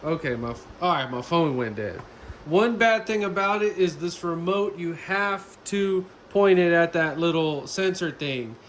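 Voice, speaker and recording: Hosting a DIY car audio video, this man talks through the steps in an unhurried, slightly high voice. His narration is informal and plain-spoken, recorded against obvious background noise.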